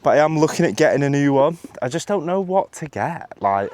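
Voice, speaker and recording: A man's voice: fairly high pitch, sing-song, brisk, a little mellow, no room sound. A young man talking casually to camera while hiking outdoors, chatty and self-deprecating with lots of fillers. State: out of breath. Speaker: vlogger. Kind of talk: rambling hiking vlog.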